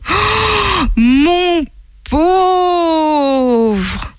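A woman voicing a sly, chattering male monkey trickster in a storybook tale, high and wheedling. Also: animated, unhurried, dry recording, studio quality. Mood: mock pity.

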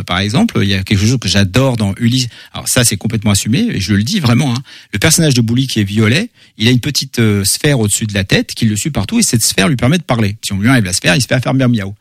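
Male comic author, quick, animated, filler-heavy casual talk, dry mic. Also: lowish voice, vocal fry, breathy edge, dry recording. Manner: animated, many fillers and repeated words. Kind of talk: casual interview chat.

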